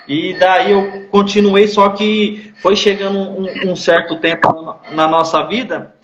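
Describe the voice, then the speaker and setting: Male guest, high-pitched, monotone, sharing a heartfelt testimony in an echoey room. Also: muffled recording, slight background noise. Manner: repetitive, earnest storytelling with church slang. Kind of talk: emotional personal testimony.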